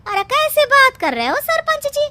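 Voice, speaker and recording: A woman voicing a sharp-tongued village woman who scolds and taunts the headman. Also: very high voice, big pitch swings, moderate pace, exaggerated voice. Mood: taunting. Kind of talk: cartoon voice acting.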